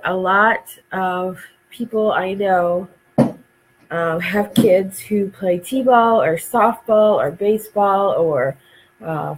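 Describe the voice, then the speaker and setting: A woman's voice: medium pitch, slightly rough, poor audio. A woman hosting a casual craft live stream. She is stuffed up and dry-throated from a cold, and she rambles with many ums and uhs.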